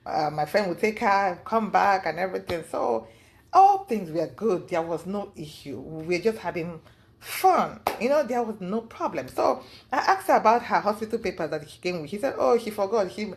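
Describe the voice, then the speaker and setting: Woman, casual interview, storytelling, fillers, rambling, mid pitch. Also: lively intonation, moderate pace. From lives in the US. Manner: rambling with many fillers, acts out quotes in a high voice. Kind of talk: casual storytelling recounting events.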